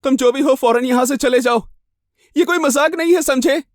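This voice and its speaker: A man voicing a frightened but defiant young woman, shaky and urgent, in an animated horror story. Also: extremely high pitch, a little fast, no echo, studio quality, voice pushed up.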